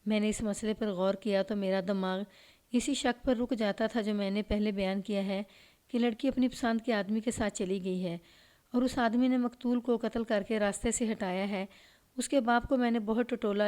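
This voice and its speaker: Steady woman storyteller reading a crime story aloud in a measured, even cadence. She keeps a mid-pitched voice and an unhurried pace throughout. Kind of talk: scripted story narration.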